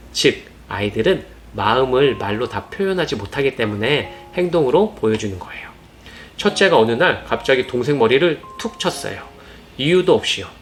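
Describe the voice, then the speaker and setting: A man giving earnest, gentle parenting advice in scripted narration. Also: medium pitch. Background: soft background music.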